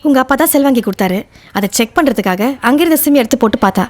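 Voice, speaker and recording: A woman's voice: a little high, expressive, racing, a little mellow, natural voice. An actress playing a worried middle-aged mother who defends her daughter to her son. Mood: pleading.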